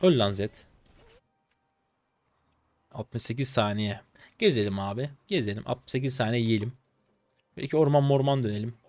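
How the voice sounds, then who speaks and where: A man in his twenties from Turkey, a streamer commentating his game live in an excitable, chatty way, talking to his viewers and teasing opponents. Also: medium pitch, normal speed, pauses often, no echo. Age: 20s. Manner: excitable, chatty, talks to chat, bursts of laughter and teasing.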